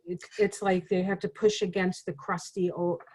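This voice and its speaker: A woman's voice: on the low side, flat delivery, moderate pace, a little mellow, husky, rough recording. A woman astrologer talking casually as a guest, rambling and chatty with many fillers. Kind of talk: casual conversation.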